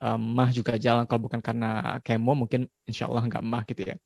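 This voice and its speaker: A man in his forties giving a parenting talk in a relaxed, conversational way, dropping frequent tag questions. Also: mid-range voice, fast, vocal fry, no room sound. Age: 40s. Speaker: parenting speaker.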